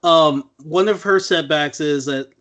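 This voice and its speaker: A man's voice: on the high side, unhurried, fairly bright tone. A man co-hosting a podcast, chatting casually about a movie and acting out scenes in mock voices. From Trinidad. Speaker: podcast co-host. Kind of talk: casual movie review chat.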